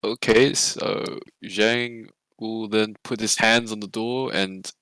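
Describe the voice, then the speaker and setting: A man's voice: fairly low pitch, fairly even intonation, pushed and bright, no room sound. A man casually describing his character's actions as a player in an online tabletop game. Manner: halting, describes hand signals.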